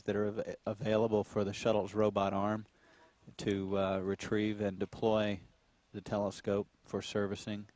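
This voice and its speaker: A man's voice: on the low side, monotone, normal speed, darkish tone. A man giving live commentary on a space mission.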